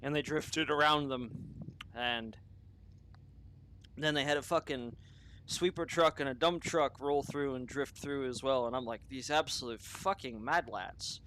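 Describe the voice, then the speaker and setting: A man's voice: mid-range voice, a little slow, pushed and bright, slight background noise, low-quality recording. A man hosting an unscripted opinion podcast, talking in a rambling, profane monologue full of restarts and tangents. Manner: rambling, profane, self-interrupting. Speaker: podcast host.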